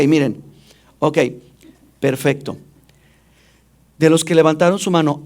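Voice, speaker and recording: Male pastor, slightly high voice, sermon delivery that keeps questioning the congregation. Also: darkish tone.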